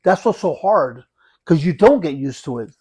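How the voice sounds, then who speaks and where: A man speaking as a hospice nurse in a conversational interview, reflecting haltingly and often repeating and rephrasing his phrases. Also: fairly high pitch, expressive, a little mellow, slightly rough, dry recording.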